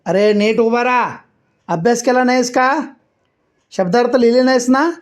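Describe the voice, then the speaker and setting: A stern, short-tempered schoolteacher barks at his pupil, as a male storyteller puts him on. The voice jumps high and loud, yet the tone stays dark and mellow underneath. It is acted dialogue within a read-aloud story. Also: a little slow. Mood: scolding. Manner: loud scolding, raised pitch.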